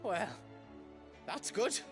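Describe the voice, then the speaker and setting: A woman's voice: mid-range voice, lively intonation, very slow, over music. A woman playing an earnest, naive and loyal youngster in a fantasy drama, innocent and headstrong in manner. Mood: innocent, indignant. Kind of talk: scripted fantasy drama acting.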